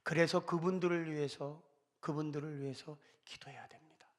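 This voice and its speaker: A man's voice: on the high side, steady tone, a little fast. A man in his fifties giving an impassioned church talk, pleading with urgent fervor. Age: 50s. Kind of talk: impassioned exhortation.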